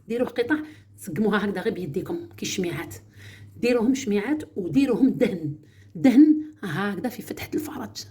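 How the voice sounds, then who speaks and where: A woman's voice: medium pitch, warm tone, slightly rough. A woman with an Algerian Arabic accent, demonstrating a home remedy in a chatty, casual way and often addressing her viewers as sisters.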